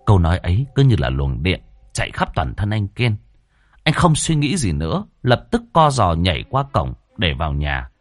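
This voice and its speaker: A man's voice: sits low, huge pitch swings, normal speed, faint music behind. A man telling a ghost story in scripted, dramatic narration.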